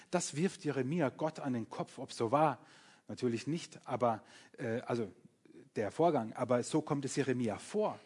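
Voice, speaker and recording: A man preaching a sermon in German, earnest and pastoral, speaking directly to his listeners and often falling quiet on heavy words. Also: mid-range voice, slightly rough.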